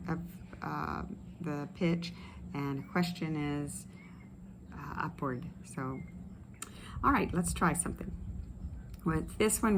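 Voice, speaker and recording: A woman speech pathologist leading voice and swallowing exercises in a relaxed, explanatory way with many fillers. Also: deep voice, noisy background. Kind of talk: instructional exercise video. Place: outdoors in a tropical setting. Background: ambient outdoor sounds with birds.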